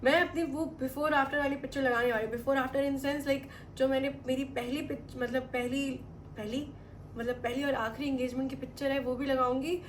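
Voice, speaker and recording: A woman's voice: high-pitched, normal speed. A young woman in her twenties vlogging in a casual, chatty way, switching often between Hindi-Urdu and English. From Pakistan. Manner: chatty, excitable, switches between languages mid-sentence. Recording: noisy home recording.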